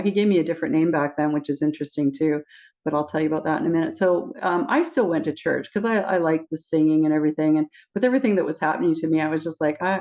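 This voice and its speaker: A woman guest casually telling spiritual stories, laughing often and acting out her own quoted lines in a high squeaky voice. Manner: giggly, animated, acts out quotes with high squeaky voice. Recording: dull lo-fi audio.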